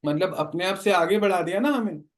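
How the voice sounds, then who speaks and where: A man leads a spiritual class, his voice pitched slightly high. He explains patiently and keeps turning questions back to his listeners. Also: a little fast. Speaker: spiritual teacher.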